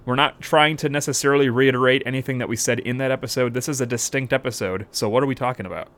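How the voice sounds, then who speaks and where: A man's voice: mid-range voice, steady tone, fast, a bit bright. A man hosting a casual theology podcast, chatty and joking as he rambles through the intro. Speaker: podcast host.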